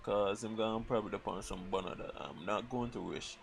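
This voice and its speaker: A young game streamer rambles through casual livestream commentary, thinking aloud in slangy talk. His voice is on the low side, quick and creaky, and the livestream mic is noisy.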